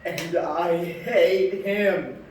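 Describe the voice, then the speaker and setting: An earnest young cabin boy, played by a man on stage, speaks in a raised voice, very slowly and carefully. The voice comes from far off in a very echoey hall. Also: sits high, darkish tone. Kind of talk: live stage play. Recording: echoey hall from far off, faint background noise.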